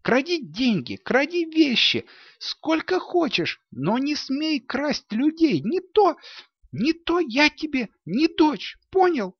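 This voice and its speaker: Man putting on a defiant robber's daughter, shrill high shouting, swinging pitch, dull dry sound. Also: very animated, slow, dry recording, heavily acted. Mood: furious defiant.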